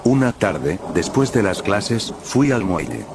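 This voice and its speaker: Deep-voiced man narrating a horror tale. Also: sing-song, slow, creaky, noisy background. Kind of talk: first-person horror story narration.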